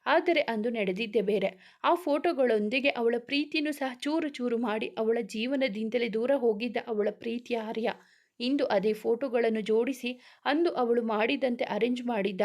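A woman narrating a romantic storybook in a steady, expressive reading style. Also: on the high side, moderate pace.

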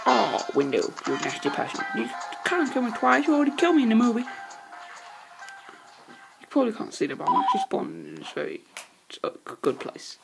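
A woman, chatting excitedly through a let's play and talking to the characters on screen. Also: fairly high pitch, fairly quick, gravelly, long pauses, poor audio. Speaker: gamer. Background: loud game music and battle sounds.

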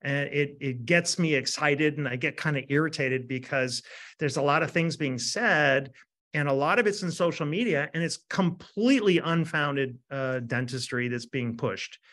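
Man in his fifties, dentist running a lively online lecture, fairly high voice, peppers his points with "right?". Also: normal speed. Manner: animated, asks rhetorical "right?" often. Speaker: dentist presenting a webinar. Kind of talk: energetic lecture.

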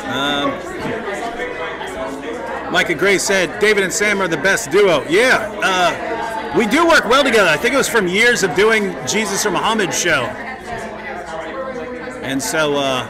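A man's voice: high-pitched, expressive, measured pace, long pauses. A man in his forties hosting a casual livestream from a church hall, reading viewer comments to a webcam held close. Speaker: livestream host. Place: large church hall indoors. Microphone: webcam at arm's length. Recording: crowd chatter behind. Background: chattering crowd.

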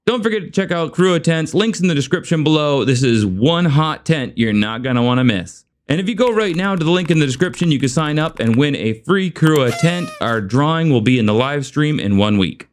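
Man, sponsor read, upbeat promo delivery, slightly raised pitch. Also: animated, brisk, few pauses. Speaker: sponsor ad reader.

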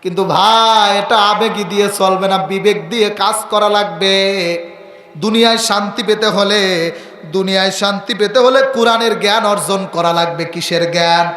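A male preacher exhorts an open-air gathering and calls on them to answer him. His voice is high, bright and piercing. It comes through a public address system with a roomy echo. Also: moderate pace. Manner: fervent, exhorting, calls for replies. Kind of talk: emotional storytelling sermon. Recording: echoey open-air PA sound.

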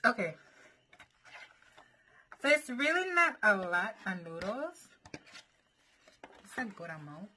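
A woman's voice: medium pitch, big pitch swings, slow pace, long pauses, pushed and bright. A young woman chatting casually to her viewers in a food-challenge vlog, calling them y'all. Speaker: vlogger. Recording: noisy home recording.

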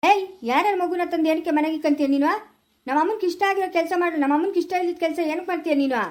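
A stubborn village son, acted by a woman, talks back in a high, quick voice. He speaks with a rural Chikkaballapura Kannada accent, curt and dismissive. It is an amateur family skit. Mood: defiant. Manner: curt, dismissive, then soft cooing with a baby. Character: grown village son, defiant and sharp-tongued.

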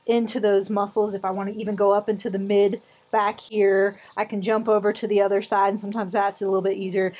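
A woman's voice: medium pitch, fast talker, hardly any pauses. Woman's voice warbling from a massage gun. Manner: chatty, relaxed, with frequent fillers. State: voice shaking and warbling from a massage gun on her back. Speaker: doctor demonstrating a massage device. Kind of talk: instructional demo video.

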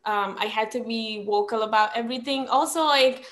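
Brief: young Sri Lankan-born woman, slightly high voice, reflective guest on a video call, lots of ums. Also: brisk, fairly bright tone. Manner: frequent ums, earnest and reflective. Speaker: podcast guest. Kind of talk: casual conversational storytelling. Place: small room at home.

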